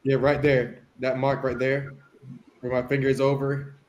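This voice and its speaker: A man's voice: medium pitch, flat delivery, normal speed. A man in a casual group video chat, telling rambling stories full of swearing. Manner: rambling, profane storytelling. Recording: roomy sound with faint noise.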